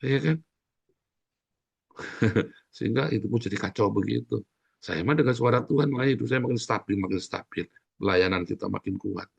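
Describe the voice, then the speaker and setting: A man's voice: on the low side, moderate pace, gravelly, pauses often, breathy edge. A middle-aged man preaching a sermon as pastor, exhorting the congregation directly and repeating his key phrases over and over.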